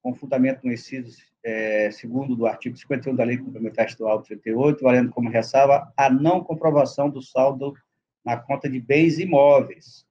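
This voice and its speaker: A man, the rapporteur councilor, reading a formal case report and vote in a halting way, with restarts, over a video call. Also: mid-range voice, steady tone, mellow, highs cut off.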